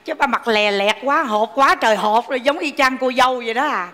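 A woman's voice: fairly high pitch, fairly quick, a bit bright, close to an everyday voice. A woman performing a whiny, teasing grown daughter desperate to marry in a live stage comedy sketch. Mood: pleading. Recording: stage sound with long hall reverb.

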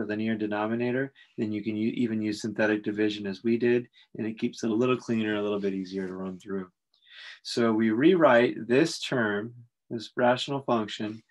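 Low-voiced man explaining calculus steps. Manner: relaxed, explanatory, thinks aloud with fillers. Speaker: math instructor. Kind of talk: recorded calculus lecture.

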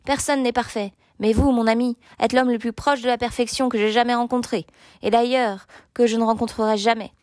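A woman's voice: a little high, steady tone, a little fast, darkish tone, no echo, clean studio sound, natural voice. A woman playing a sneering giant knight. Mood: kindly. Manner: taunting, sneering. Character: huge mocking male knight, later a kindly lord. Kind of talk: storybook reading.

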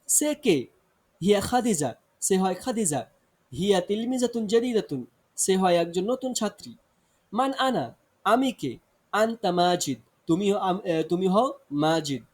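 A man with a Bangladeshi Bengali accent teaching a beginner language lesson, reading example sentences and translating them, often restarting words and pausing with fillers. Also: sits high, lively intonation, darkish tone. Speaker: Arabic teacher.

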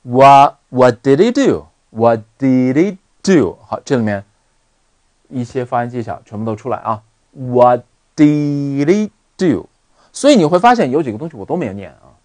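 Lively male English teacher. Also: mid-range voice, fast, no echo. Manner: animated, repeats words for drill. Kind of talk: online lesson.

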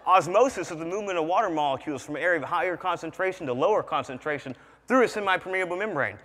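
A young man with a high, light voice preaches to a congregation, animated and building to shouts at his key points. His voice rings out through a large church sanctuary, with a long reverb trailing behind it. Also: racing. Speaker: student preacher. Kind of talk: sermon.

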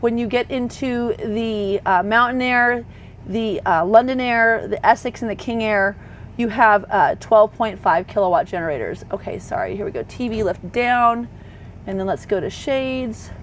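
An RV sales associate, she gives a thorough, chatty walkthrough inside a parked motorhome, peppered with fillers and self-corrections. Her slightly high voice runs at normal speed over a faint air-conditioning hum.

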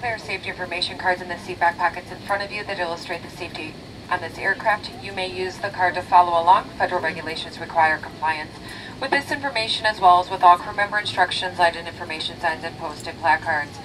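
A woman's voice: on the low side, fast talker. Distant woman giving cabin safety announcement. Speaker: flight attendant. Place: aircraft cabin over intercom. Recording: distant cabin PA with aircraft noise.

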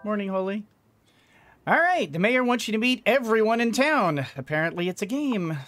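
A middle-aged man with a high-pitched, expressive, slightly bright voice talks at a moderate pace in a recording with no echo. A game streamer at a desk in an indoor room, he gives casual gameplay commentary, muttering to himself as he plays.

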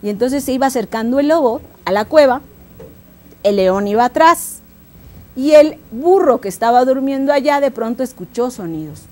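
A woman with a Mexican accent telling a children's story, lively, making sound effects and speaking straight to the listeners. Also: sits high, moderate pace. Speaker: storyteller host.

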